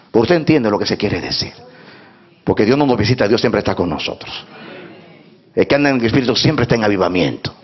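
A man preaching a sermon to his church, moving from hushed talk to shouting and repeating words for emphasis. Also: on the low side. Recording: dull lo-fi sound.

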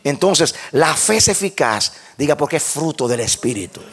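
Fervent, higher-voiced male preacher. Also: sing-song, moderate pace, slightly rough. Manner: fervent preaching, swinging between hushed and near-shouted; repeats and restarts words while building a point. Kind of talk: sermon.

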